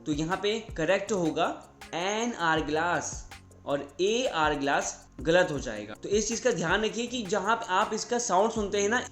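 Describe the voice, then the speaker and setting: A man's voice: sits high, a little fast, hardly any pauses, a bit bright, reverberant, soft background music. A man teaching English grammar in Hindi, explaining step by step and answering his own questions.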